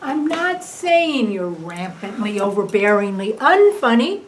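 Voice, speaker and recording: A woman's voice: medium pitch, big pitch swings, unhurried, a little hiss or hum, low-quality recording. An older woman playing a blunt, long-married wife who teases her husband in a dry way. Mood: wistful. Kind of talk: film drama acting.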